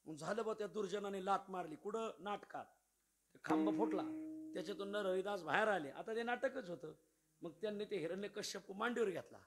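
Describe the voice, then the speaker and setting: A man tells a devotional tale as a preacher, lively and direct with his listeners. His voice is high-set and gravelly, and instruments play steadily under him throughout. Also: brisk, faint music behind. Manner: lively, addresses listeners as "Maharaj". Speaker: kirtan preacher. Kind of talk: devotional storytelling sermon. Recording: musical accompaniment behind voice.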